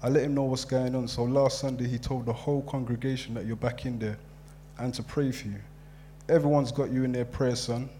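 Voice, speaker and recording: A man giving voice to a worried mother who pleads with her son in prison and leans on her faith. The voice is warm and mellow at a middling pitch. A faint hum sits under it. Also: fairly even intonation, a little fast, natural voice. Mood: pleading. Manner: pleading, anxious, churchgoing. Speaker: reader of letters. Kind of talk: dramatic reading of letters.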